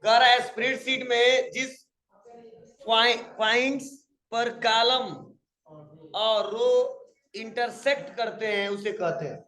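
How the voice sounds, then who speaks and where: High-voiced man teaching in an echoey classroom. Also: steady tone, pushed and bright. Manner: quizzes students, repeats questions slowly. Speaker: computer teacher. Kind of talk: classroom quiz lesson.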